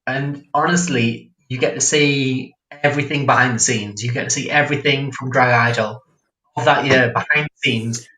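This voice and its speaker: A man's voice: mid-range voice, steady tone, normal speed, bright, forceful tone. A man hosting a casual livestream chat as a drag queen, giggly and chatty, reading out viewer comments. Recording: echoey room.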